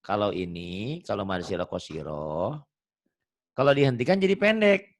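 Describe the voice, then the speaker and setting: A middle-aged man teaching Quran reading in an online lesson, explaining patiently in a chatty way and chanting recited verses slowly. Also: on the low side, big pitch swings, dry recording, clean studio sound.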